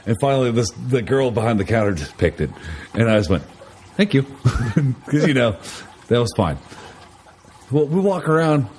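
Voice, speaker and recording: A man's voice: medium pitch, lively intonation, moderate pace, pauses often, darkish tone. A man co-hosting a casual podcast, grumbling sarcastically and swearing often. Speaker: podcast co-host. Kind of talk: casual chat.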